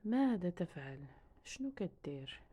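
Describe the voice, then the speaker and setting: A woman gives a language lesson, saying each phrase and then repeating it. Her voice is rather low, mellow and a little breathy. Her delivery is measured and steady. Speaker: language teacher.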